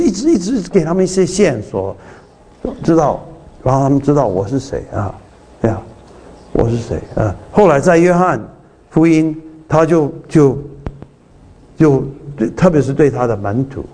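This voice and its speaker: A man's voice: a little high, mellow, husky. A man preaching a sermon in a conversational way, full of restarts and rhetorical questions, slipping English phrases into his talk.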